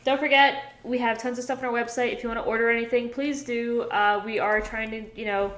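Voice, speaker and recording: A woman co-hosting a casual podcast, teasing her co-host and quickly running through plugs. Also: fairly high pitch, fairly even intonation, a bit bright. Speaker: podcast co-host, dog trainer and business owner. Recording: roomy, echoey room.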